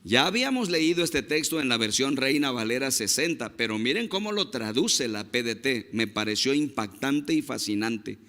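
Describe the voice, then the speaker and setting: A man's voice: medium pitch, expressive, pushed and bright, in a large hall. A man preaching a sermon as pastor, emphatic and drawn out on key words, speaking to his congregation. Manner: emphatic, slow stresses on key words, addresses the congregation as brothers. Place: church.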